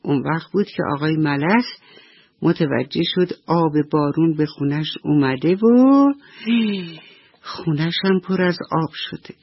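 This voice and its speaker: A woman storyteller narrating a bedtime story for children on the radio, gentle and affectionate. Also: deep voice, dry recording, muffled recording.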